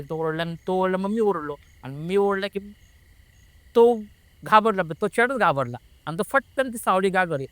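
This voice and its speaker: Male interview guest, somewhat high clear voice, animated storyteller, dry close recording. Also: no room sound. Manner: animated, rushes and restarts when retelling fright. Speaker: guest recounting a paranormal experience. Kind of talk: conversational storytelling.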